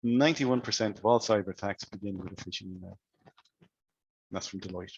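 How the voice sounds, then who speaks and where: A man's voice: lowish voice, muffled recording, a little hiss or hum. A man with an Irish accent giving a webinar presentation on security, firing questions at listeners and often restarting his sentences. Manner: asks the audience rapid questions with frequent restarts. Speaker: cybersecurity presenter.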